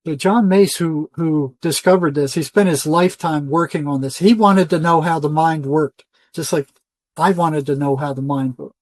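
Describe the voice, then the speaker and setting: In a conversational interview monologue, an older retired psychotherapist speaks insistently and emphatically, repeating phrases for stress. He talks at a moderate pace in a voice on the high side, with no echo.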